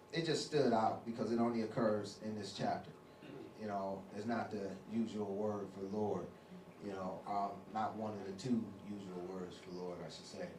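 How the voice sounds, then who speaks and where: Rambling, casual male Bible teacher. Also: lowish voice. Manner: rambling, full of "you know" fillers. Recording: roomy, distant, faint hiss.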